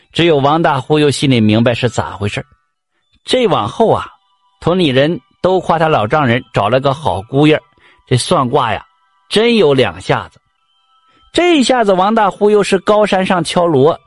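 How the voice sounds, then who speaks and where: A man with a Northeastern Mandarin accent telling a folk tale in a lively, chatty, colloquial way. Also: a little high, no echo. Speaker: storyteller.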